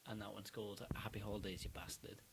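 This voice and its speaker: A man's voice: fairly low pitch, level tone, creaky, a little hiss or hum. A Welsh man around twenty, co-hosting a casual podcast, chatty and teasing. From Wales. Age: 20s. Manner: chatty, quick to laugh and tease. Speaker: podcast co-host. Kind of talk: casual chat.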